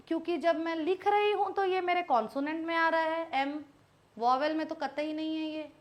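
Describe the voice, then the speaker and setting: High-voiced teacher drilling slow English sentences. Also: female voice, fairly bright tone. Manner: patient, repeats words slowly, mixes English into Hindi. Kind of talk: live online grammar class.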